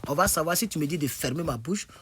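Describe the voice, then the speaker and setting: A man's voice: on the high side, lively intonation, fast, a bit bright, slight background noise. A tired man giving a casual online language lesson from his bed, chatty and repetitive as he demonstrates phrases. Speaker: English teacher.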